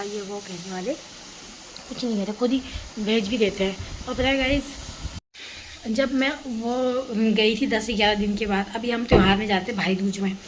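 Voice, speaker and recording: A young woman vlogger telling a personal story in a chatty, rambling, emotional way. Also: fairly high pitch. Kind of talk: casual storytelling vlog. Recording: background noise.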